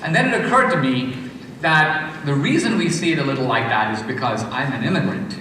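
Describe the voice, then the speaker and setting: A man's voice: mid-range voice, expressive, fairly quick, bright, forceful tone, a little hiss or hum. A man from India speaking in an emphatic lecture style, counting off his points and asking rhetorical questions. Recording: echoey hall, far from mic.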